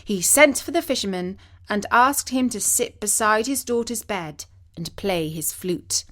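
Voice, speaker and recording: A woman acting as a storyteller narrates a scripted story in an expressive, deliberate and solemn dramatic manner. Her voice is medium-pitched, and music plays in the background.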